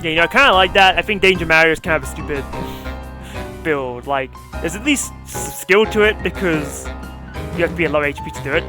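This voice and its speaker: A man's voice: fairly high pitch, fairly quick, over music. A man streaming a video game with casual commentary. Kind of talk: casual game commentary and reading dialogue aloud.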